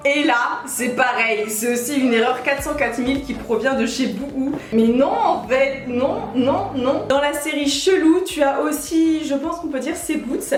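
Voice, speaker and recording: A woman's voice: high-pitched, fairly even intonation, moderate pace, few pauses, faint music behind. A young woman chatting casually to her viewers as a vlogger, bubbly and often laughing. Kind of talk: casual shoe haul chat. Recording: echoey room.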